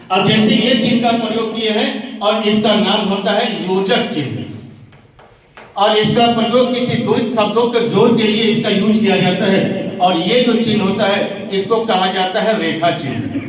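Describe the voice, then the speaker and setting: A male teacher giving a classroom lecture, explaining step by step and quizzing the class. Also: high-pitched. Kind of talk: classroom lecture on grammar and writing. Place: training room. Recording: echoey hall, far from the mic.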